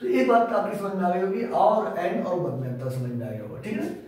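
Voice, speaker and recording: A man's voice: high voice, sing-song, fairly quick, darkish tone. A man teaching English grammar in a lecture, repeating his questions and answering them himself. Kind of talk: classroom lecture. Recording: echoey room, mic far off.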